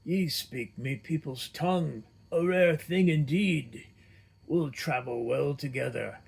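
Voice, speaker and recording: A man's voice: a little high, takes it slowly, vocal fry, a little mellow, slightly rough, full character voice. A man doing a hearty dwarf barbarian. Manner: folksy dwarven dialect, boisterous.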